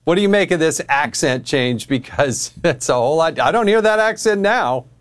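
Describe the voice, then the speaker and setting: A male news host with a fairly high voice that swings widely in pitch as he talks. His delivery is pointed and mocking, the style of cable news talk hosting. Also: expressive, normal speed.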